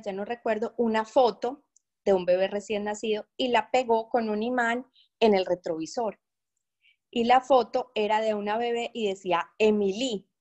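A woman's voice: on the high side, a little mellow. A woman, telling an audience an earnest, emotional personal faith testimony. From Colombia. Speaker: speaker giving a testimony.

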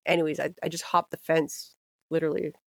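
A woman's voice: low-pitched, a little fast, vocal fry, no room sound. Young woman host, casual profane storyteller, dry mic. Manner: profane, laughing, animated anecdotes. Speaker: podcast host.

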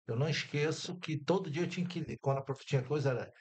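Laid-back man co-hosting, slightly high voice. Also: fast talker, darkish tone, slightly rough. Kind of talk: casual interview chat.

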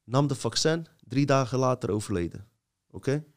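A man's voice: medium pitch, lively intonation, normal speed. A man leading a casual conversation, talkative and steering the topic. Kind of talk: casual chat.

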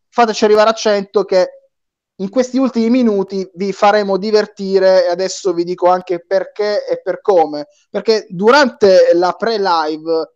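A man's voice: high-pitched, dull audio. A man hosting a casual live football chat, bantering and often repeating his phrases. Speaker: host of a football talk live stream.

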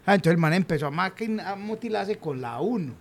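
A man's voice: high voice, expressive, a little fast. A young Colombian man from the Medellín area, co-hosting a podcast and telling a funny anecdote with slang and sound effects. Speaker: podcast co-host. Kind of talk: casual storytelling chat.

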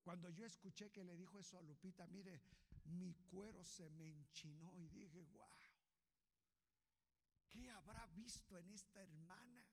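Man, pastor, preaching, impassioned, hushed to shouting, long echo. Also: sits high, a little slow, creaky. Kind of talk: sermon. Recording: long hall reverb.

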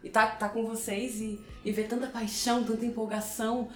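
A Brazilian woman interviewing on a podcast, enthusiastic and quick to laugh. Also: on the high side, level tone. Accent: Brazilian Portuguese. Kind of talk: podcast conversation. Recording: distant, echoey, faint music.

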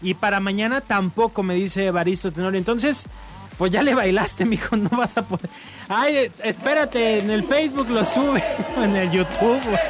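A man's voice: sits high, moderate pace, soft background music. A man with a Mexican accent hosting a radio morning show, talking in a playful, teasing way and stretching words for effect. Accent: Mexican Spanish. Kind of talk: casual radio talk. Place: radio studio.

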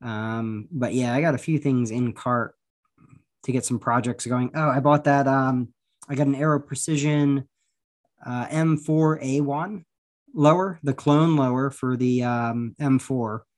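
Easygoing man, mid-pitched, stammering chat. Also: a little slow. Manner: easygoing, stammers and repeats words. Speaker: podcast co-host. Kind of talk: casual podcast chat.

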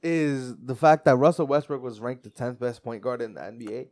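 A man's voice: mid-range voice, a little fast, a little mellow, no room sound, clean studio sound. A young man co-hosting a podcast, easygoing and teasing in casual chat. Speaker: podcast co-host.

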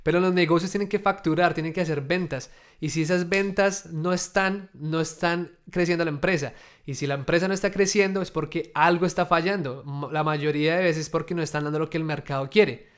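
A man's voice: a little high, fairly even intonation, a little fast. A man who runs his own businesses talks casually to camera, speaking to his viewers directly, asking them questions and filling his speech with loose fillers. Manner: conversational, loose, with many fillers. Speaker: entrepreneur sharing his experience.

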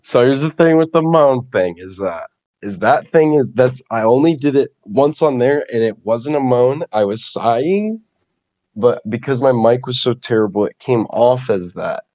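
A man's voice: medium pitch, lively intonation, moderate pace, darkish tone, no echo, muffled recording. A man, a guest streamer on a podcast, chatting casually and rambling, laughing at himself often. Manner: rambling, self-deprecating, laughs a lot.

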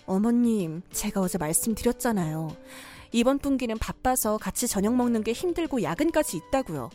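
A woman voices a young daughter-in-law in a cartoon story drama, courteous yet firmly standing her ground. Her high voice swings widely in pitch, with soft music underneath. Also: big pitch swings, moderate pace. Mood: defiant. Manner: polite at first, then pushes back firmly.

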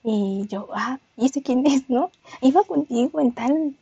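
A young woman chatting on a podcast, telling a story and laughing between lines as she plays out little voices. Her voice sits a touch high but sounds dark and gravelly, with a husky edge. The recording is dry and a little muffled. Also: measured pace, no echo. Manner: laughs often, acts out voices in her anecdotes. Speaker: podcast co-host. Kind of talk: casual storytelling chat.

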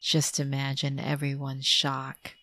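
Casting: woman, middle-aged, Filipino accent, deep and unhurried, dramatic host for spooky tales. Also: monotone, pushed and bright, no room sound. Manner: measured, dramatic storytelling delivery. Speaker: storyteller host. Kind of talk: scripted spooky story narration.

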